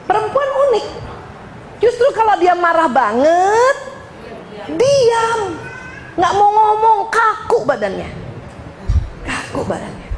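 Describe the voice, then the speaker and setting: A woman giving a lively, teasing lecture to a group of women, often calling out to her listeners. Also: very high-pitched, a little slow, noisy background. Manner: animated, teasing, addresses audience as "Bu". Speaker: speaker giving a parenting talk. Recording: echoey hall with faint background ambience.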